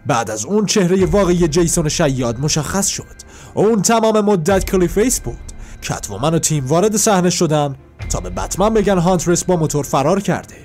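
A man with a fairly high voice retells a comic story panel by panel in a plain, steady way. Soft music runs faintly behind him. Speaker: comic book narrator.

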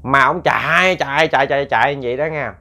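A man telling a ghost story in a casual, animated way, repeating words for suspense and talking to his listeners. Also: mid-range voice, brisk, vocal fry. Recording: muffled lo-fi recording.

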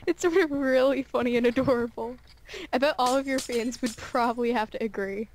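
A woman's voice: fairly high pitch, brisk, slight background noise. A woman teasing and coaxing a friend during a game, often giggling. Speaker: friend in a gaming session. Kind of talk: casual gameplay chat.

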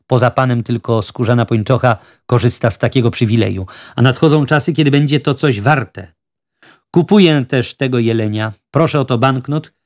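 A man's voice: medium pitch, a little mellow, lightly acted. A man voicing a genial, talkative wealthy judge who persuades with fussy good humor.

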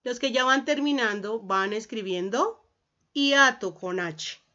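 A woman's voice: on the high side, bright, forceful tone, highs cut off. A woman primary school teacher giving an online class, dictating patiently and calling her pupils affectionate names. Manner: patient, dictating slowly, calls pupils "mis amores". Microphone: video call.

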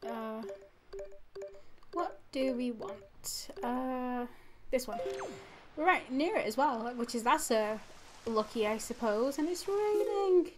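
Stuffed up from a cold, a young woman gives slow, meandering let's play commentary over a video game, stumbling through fillers and restarts. Her voice is a little high and lively, and background noise can be heard.

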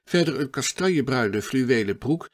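A man narrating a classic adventure novel in a steady, measured audiobook reading. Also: medium pitch.

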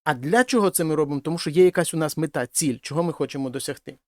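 A middle-aged male teacher explains a language lesson in a fairly high voice. He works through each point patiently and restates it in other words. The recording is close and dry. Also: very fast, darkish tone, no echo. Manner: explanatory, repeats and rephrases points. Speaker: Spanish teacher.

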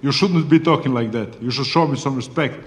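A man's voice: mid-range voice, a little fast. A man speaking as a boxer at a heated press conference, combative and swearing, often calling his rival "brother". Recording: echoey hall.

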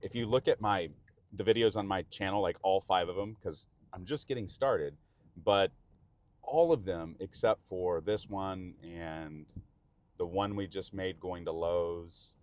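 A man's voice: low voice, unhurried, a little mellow. A man with a Texan accent giving rambling, chatty commentary while driving a car in the rain, recorded on an action camera mounted inside. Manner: chatty, rambling, self-interrupting. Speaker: vlogger.

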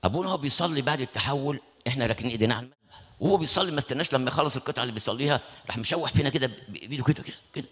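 A middle-aged Egyptian priest delivers a sermon as a lively story, acting out the people he quotes. He talks at a very rapid clip. His voice is bright and forceful, with an Egyptian Arabic accent. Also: mid-range voice, husky.

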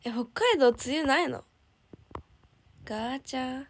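A young woman idol on a casual livestream, chatty and bubbly, reading out viewer comments and often dropping to a soft whisper. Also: high voice, unhurried. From Japan. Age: young adult.

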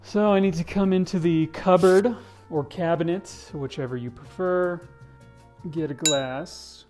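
A man's voice: fairly high pitch, a little slow, a little mellow, soft background music. Playful young man touring a kitchen. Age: young adult. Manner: playful, jokey, says "dude" often. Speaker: English teacher vlogger. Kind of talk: casual house-tour vlog. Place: kitchen of a large house, indoors. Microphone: handheld camera, selfie framing.

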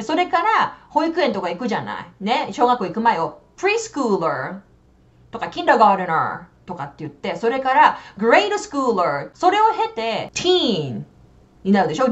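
A woman teaching English in a casual, chatty way, switching between Japanese explanation and slow, carefully spoken English examples. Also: a little high, highs cut off.

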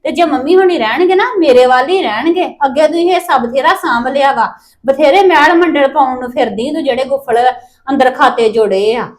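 A woman's voice: high-pitched, fairly quick. A woman with a Punjabi accent acting a taunting, accusing sister-in-law in a family drama.

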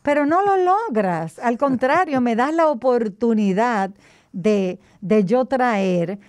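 A woman's voice: fairly high pitch, expressive, slow, a little mellow, no room sound, studio quality. A woman speaking through a face mask, explaining health topics in casual chat, often hesitating and bringing in religious references. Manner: plain explanations with frequent hesitations and restarts.

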